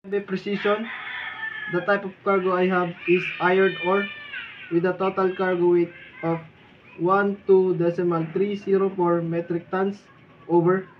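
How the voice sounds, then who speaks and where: Flat voice over a walkie-talkie. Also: mid-range voice, normal speed, muffled recording, background noise. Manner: flat, formal radio procedure, spells out numbers digit by digit. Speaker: ship officer in a radio drill. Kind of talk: scripted maritime radio call.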